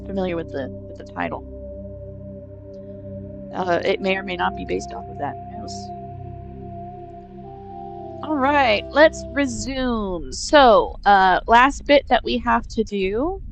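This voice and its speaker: A woman's voice: medium pitch, creaky. A woman hosting a casual gaming live stream, hesitant and rambling, often trailing off mid-thought. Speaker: game streamer, host.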